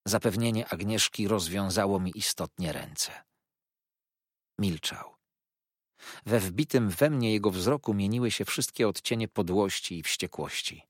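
A man narrating a literary audiobook in a dramatic, expressive reading. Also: on the low side, a little slow, breathy edge, no room sound, studio quality.

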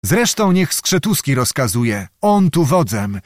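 A man's voice: medium pitch, big pitch swings, measured pace, dry recording, clean studio sound. A man reading a blunt young cavalry officer. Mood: cautious.

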